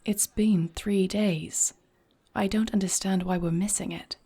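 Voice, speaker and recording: The clip is a dry recording of a woman at medium pitch with fairly even intonation and a mellow quality. She plays a devoted, noble warrior queen in an intimate fantasy audio roleplay, breathy and husky, with earnest, formal, measured lines. Her mood is thoughtful and concerned.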